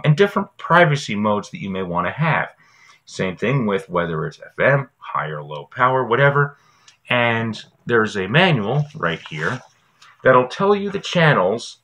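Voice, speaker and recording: A prepping radio show host in his forties walks viewers through a how-to from his desk in a small room, keeping it casual, chatty and folksy. He speaks in a lowish voice with a sharp tone.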